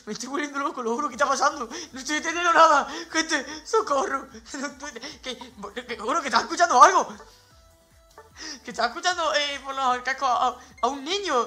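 High, bright-voiced man from Spain. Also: brisk, faint music behind. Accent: Spain Spanish. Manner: excitable, shouts and laughs in bursts. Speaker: gaming streamer. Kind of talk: live gameplay commentary.

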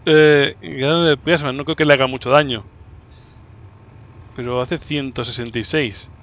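A man from Spain, commentating a video game casually, teasing the enemy and breaking into excited shouts. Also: medium pitch, moderate pace, muffled recording. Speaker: gameplay commentator. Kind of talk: casual let's-play commentary.

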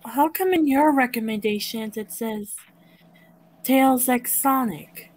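A woman's voice: on the high side, slow pace, a little mellow, rough recording. A woman in casual gaming voice chat, teasing the others with sarcastic quips. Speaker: voice chat role-player. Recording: faint background noise.

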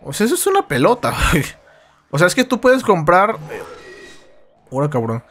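A man with a Mexican accent giving excitable, swear-heavy commentary while playing a game. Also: high-pitched, normal speed. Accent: Mexican Spanish. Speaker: gaming YouTuber. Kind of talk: let's-play game commentary.

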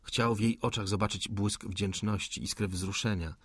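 A man narrating a classic novel as an audiobook, measured and dramatic, with deliberate pauses. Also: lowish voice, steady tone, breathy edge, no room sound.

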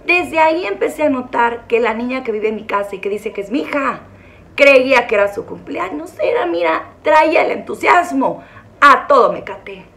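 Woman, 40s, hoarse, high-pitched, playful casual vlog chat. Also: expressive, moderate pace, fairly bright tone. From Sinaloa, Mexico. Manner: playful, teasing, theatrical greetings. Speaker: vlogger host.

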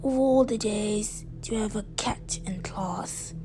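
A woman's voice: medium pitch, slow, music in the background, close to an everyday voice, poor audio. A woman voicing a stern, fussy female witch teacher who scolds her class crossly in a storybook reading.

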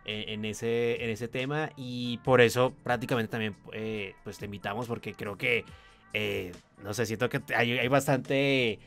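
A man's voice: mid-range voice, fairly even intonation, unhurried, gravelly, fairly bright tone, soft background music. A man hosting a casual interview, encouraging his guest and speaking with frequent hesitant fillers. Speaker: podcast host.

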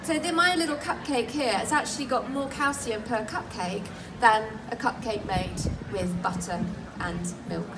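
A woman's voice: fairly high pitch, normal speed, few pauses. English woman demonstrating cooking outdoors. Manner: chatty, explanatory, many ums and restarts. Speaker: cookery demonstrator and nutritionist. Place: outdoor festival demo kitchen stall. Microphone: filmed from the crowd by a far camera. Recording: distant voice through PA with outdoor noise.

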